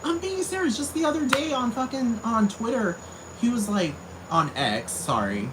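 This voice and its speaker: This Puerto Rican vlogger rants casually, rambling and swearing with plenty of fillers. His voice is very high-pitched and sing-song at a normal speed, with crickets and insects making noise in the background.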